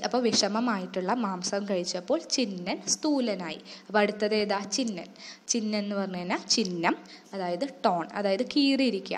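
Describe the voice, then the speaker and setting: A woman's voice: medium pitch, in a large hall. A young woman giving an exam-focused lecture, explaining each term step by step with English glosses. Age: young adult. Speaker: student tutor.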